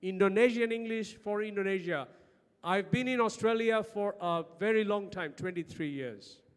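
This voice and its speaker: A man with a Bangladeshi accent presents at an academic conference in a notably high voice. He speaks emphatically, putting questions to his listeners as he makes his points. His words ring with the long reverb of a hall. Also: moderate pace, smooth. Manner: emphatic, uses rhetorical questions. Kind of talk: lecture-style conference presentation.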